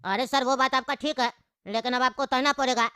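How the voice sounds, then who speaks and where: A woman's voice: high-pitched, steady tone, brisk, a bit bright, smooth, no echo, studio quality. A woman voicing a polite, evasive flight attendant in a cartoon who keeps calling passengers sir. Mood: apologetic. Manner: polite, deferential, saying sir. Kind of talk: cartoon voice acting.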